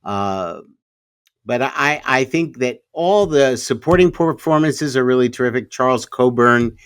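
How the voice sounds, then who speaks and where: A man's voice: medium pitch, lively intonation, a little slow, clean tone, no echo, clean studio sound. A man with a standard American accent discussing film conversationally, in an earnest, reflective manner. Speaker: film commentator.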